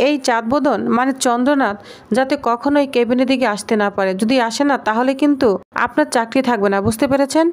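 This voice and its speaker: A bossy young executive woman barks orders and scolds, her voice high and pointed, as a woman narrator voices her. She speaks in a read-aloud story recap. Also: fairly quick, natural voice. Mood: commanding. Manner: scolding, commanding.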